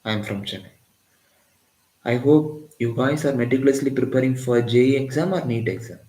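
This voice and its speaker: With a warm, mid-range, expressive voice at a moderate pace, this Indian English-speaking man from Tamil Nadu runs a live-streamed physics lesson for exam prep. He repeats lines frequently and keeps asking "got it?". The low-quality recording has a roomy sound.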